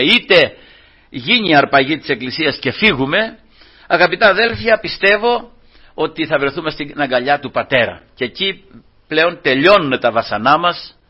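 A man's voice: fairly high pitch, breathy edge, dull audio. A man preaching a fervent Pentecostal sermon, often calling his listeners brothers.

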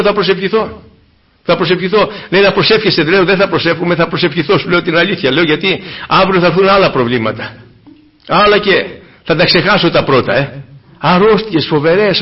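A man preaching a fervent sermon, swinging between loud exclamations and hushed asides to the congregation. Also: high voice. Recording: dull lo-fi recording.

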